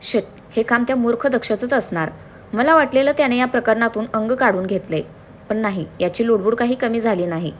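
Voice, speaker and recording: A woman's voice: a little high, a little fast, a little hiss or hum, close to an everyday voice. A woman voicing a sly scheming young man, a villain in a storybook, with a sneering manner. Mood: irritated.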